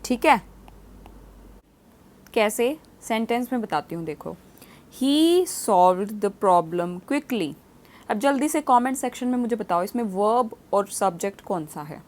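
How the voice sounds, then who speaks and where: A woman's voice: a little high, animated, darkish tone. A woman teaching a grammar lesson, explaining step by step and asking her students many quiz questions. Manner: reads example sentences slowly and clearly. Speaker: English teacher.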